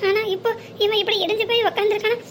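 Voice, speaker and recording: A woman's voice: very high voice, little pitch movement, rapid-fire, slight background noise. A woman voicing an old grandmother in a cartoon, wailing and scolding in a reproachful way. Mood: lamenting. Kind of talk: cartoon voice acting.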